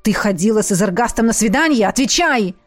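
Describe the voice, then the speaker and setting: A woman's voice: medium pitch, animated, brisk, soft background music, natural voice. Woman voicing a jealous, snarling young shapeshifter man. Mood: angry. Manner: growling, demanding, sneering. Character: jealous hot-tempered young male shapeshifter.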